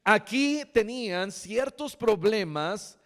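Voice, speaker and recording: A man's voice: high voice, animated, slow pace, fairly bright tone, in a large hall. A male pastor preaching a sermon to his congregation, reading scripture aloud and then explaining it with jokes. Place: church sanctuary.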